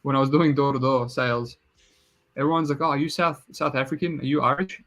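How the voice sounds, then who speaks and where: His accent blends Serbian and Australian, and his mid-range voice is steady, brisk and fairly bright. Hosting a podcast, he chats casually in a laid-back way, swearing here and there.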